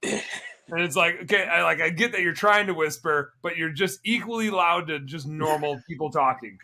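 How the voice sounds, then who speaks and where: A man co-hosting a podcast in casual chat, with a bright, forceful tone and a slightly high voice. He tells a story with animation, stops to explain things for listeners, and breaks into loud bits of mimicry. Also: a little fast, a little hiss or hum. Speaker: podcast co-host.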